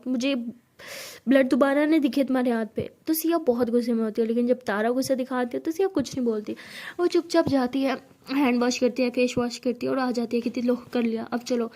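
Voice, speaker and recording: A woman's voice: fairly high pitch, a little fast, dark tone. A woman narrating a story and voicing the characters' lines herself in a conversational way. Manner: conversational retelling with voiced lines. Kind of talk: narrated story with acted dialogue.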